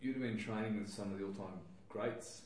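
A man's voice: lowish voice, fairly even intonation, a little fast, a little mellow. An Australian man interviewing someone in a casual, conversational style. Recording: very echoey, distant, faint noise.

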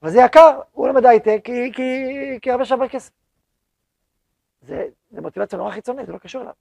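A man's voice: very high voice, lively intonation, vocal fry, darkish tone, dry recording. A man, the head rabbi of a yeshiva, giving a lecture to his students and repeating words for emphasis.

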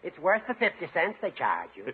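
A man's voice: sits high, wildly swooping pitch, fairly quick. An actor playing a spry, needling older judge and busybody, chirpy and drawling out his exclamations in 1950s radio sitcom style. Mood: cheerfully needling. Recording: noisy, narrow-band 1950s radio broadcast.

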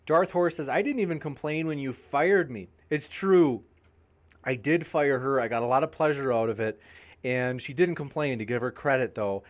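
A man's voice: mid-range voice, normal speed. A man hosting a debate channel's live stream, reading viewer comments aloud and joking with the chat in an upbeat way. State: tiring, pausing to drink.

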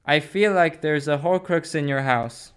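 A performer voicing a wise old male wizard headmaster, speaking slowly in a lowered, solemn voice, in pretend play with a small child. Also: smooth, lightly acted.

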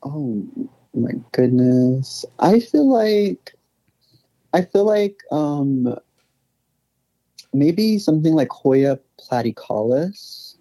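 A man speaks as a guest in a relaxed podcast conversation, his speech loose and dotted with "like" and "um". The sound is dry and close, with almost no room around it. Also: on the high side, extremely slow, no echo, poor audio. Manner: fills talk with "like" and "um". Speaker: guest plant collector. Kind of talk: casual podcast chat.

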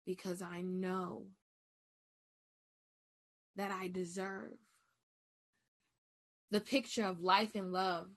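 A young woman in her twenties with a bright, forceful voice delivers a personal monologue like a sermon. She swings from emphatic, rallying declarations to soft, hushed affirmations, and calls out to her listeners along the way. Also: fairly low pitch, level tone, very slow, pauses often. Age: 20s. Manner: preacher-like, emphatic, with call-and-response asides. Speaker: podcast host.

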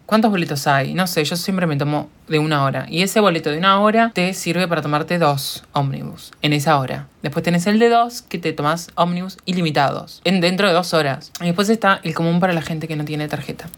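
A woman's voice: sits low, fairly quick, hardly any pauses. A woman with a Uruguayan accent hosting a solo podcast, rambling and joking, answering her own questions and laughing often. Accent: Uruguayan Spanish. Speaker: podcast host. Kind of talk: casual solo podcast chat.

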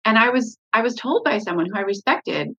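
Bright, husky-voiced mother talking candidly. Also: fairly high pitch, animated, a little fast, lo-fi sound. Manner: candid, frequent fillers and restarts. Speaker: parent guest sharing her story. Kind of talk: candid conversational interview.

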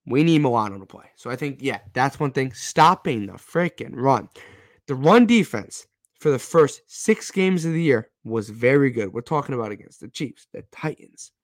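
A man's voice: medium pitch, expressive, moderate pace, dry recording. Man, bro-ish sports host, slangy fan hype, emphatic repeats, close dry sound. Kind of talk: casual live football fan-show commentary.

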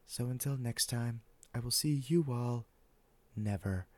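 An older man hosting an ASMR podcast, speaking softly and whispering close into the ear in a wry, deadpan ramble. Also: medium pitch, a little slow, no room sound. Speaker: podcast host. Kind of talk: soft ASMR podcast monologue.

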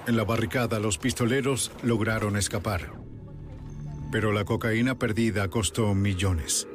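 A man's voice: lowish voice, fairly even intonation, normal speed. A man narrating a crime documentary in a dramatic, scripted style. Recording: music bed under the voice. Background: dramatic background music.

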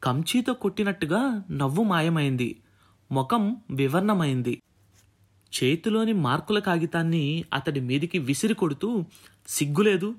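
Man, audiobook narrator, scripted storytelling, measured and expressive, somewhat high voice. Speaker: radio jockey and audiobook narrator.

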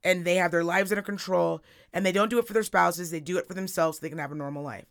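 A woman co-hosting a casual podcast, her voice hoarse, raspy and strained as if nearly gone, talking bluntly with plenty of slang. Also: on the low side, fairly even intonation, quick pace. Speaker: podcast co-host. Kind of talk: casual chat. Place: studio.

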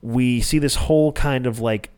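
A man's voice: mid-range voice, moderate pace, a little mellow, clean tone. A man hosting a podcast, recapping a movie in a casual, rambling way, swearing freely and restarting his sentences. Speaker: podcast host.

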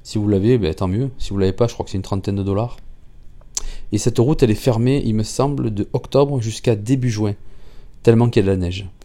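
Male vlogger, very dark and mellow tone, casual halting travel recap. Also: on the low side. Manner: halting, many restarts and repeated words.

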